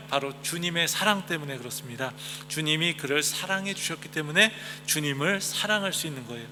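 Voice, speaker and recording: A man, a pastor, giving a sermon in a gentle, conversational way with soft polite endings, recorded in a church sanctuary. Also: a little high. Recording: echoey hall with faint hum.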